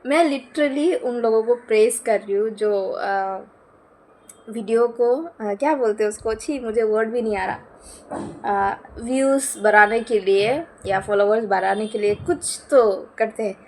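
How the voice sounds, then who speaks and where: A young woman chats to her phone camera in a slightly high, unhurried voice. She rambles through a casual home vlog, giggling and stopping for fillers between thoughts. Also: a little hiss or hum. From West Bengal, India. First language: Bengali. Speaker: lifestyle vlogger.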